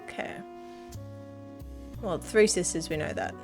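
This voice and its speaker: Casting note: self-deprecating woman doing casual game commentary, lowish voice, guitar music behind. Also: measured pace. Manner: chatty, self-deprecating, reads game text aloud. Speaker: gaming channel host. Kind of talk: casual let's-play commentary.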